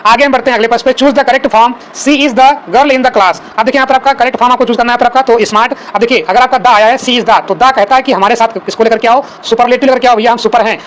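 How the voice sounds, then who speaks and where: A teacher races through an exam-prep grammar lesson at a very rapid clip. The speech is full of rhetorical questions and one filler word repeated again and again. The English practice questions are read out slowly and deliberately. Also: medium pitch, fairly bright tone, a little hiss or hum.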